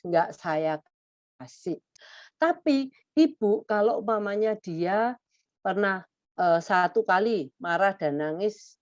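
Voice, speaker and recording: A woman with a lilt talks parents through their child's behavior in a patient, explanatory way, mid-pitched and conversational. The recording is dry and dull, with the top end muffled. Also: no echo. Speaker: child therapist answering parents' questions. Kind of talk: conversational advice talk.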